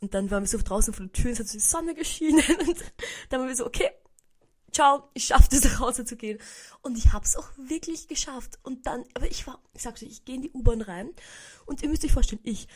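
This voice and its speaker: A young woman with a Viennese Austrian accent tells a story in a relaxed podcast monologue. Her voice sits a touch high, and she talks chattily, turning to her listeners often and dropping in English slang. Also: quick pace, breathy edge. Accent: Viennese Austrian German. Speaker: podcast host.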